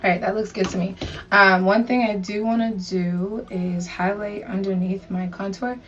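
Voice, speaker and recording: Chatting like a pal with her viewers, a young beauty vlogger uses slang as she walks through a casual makeup tutorial. Her medium voice is a bit bright, fairly even, and at normal speed, and the lo-fi sound comes from a distant mic with music playing behind.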